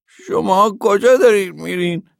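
A male narrator voicing a self-pitying one-eyed grown man who complains in a slow, plaintive way. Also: high-pitched, gravelly, fairly bright tone, no room sound, studio quality. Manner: plaintive, dragging delivery.

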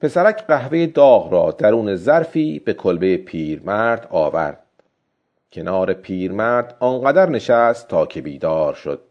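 A man reading a story aloud as an audiobook narrator in a measured, expressive way. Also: lowish voice, dull audio.

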